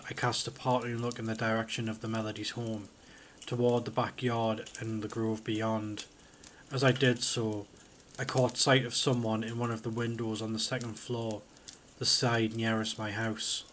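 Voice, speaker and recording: Male horror narrator, flat steady delivery, faint hiss behind. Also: medium pitch, moderate pace. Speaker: podcast host reading a horror story.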